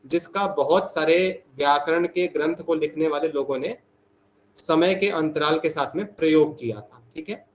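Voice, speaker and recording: A man teaching a Sanskrit class online, saying each sutra slowly and repeating it for his students. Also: a little high, a little hiss or hum, low-quality recording.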